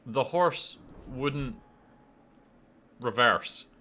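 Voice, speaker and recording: Bright Scottish man streaming a game. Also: mid-range voice, extremely slow. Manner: chatty, reads chat aloud. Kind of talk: casual gameplay commentary.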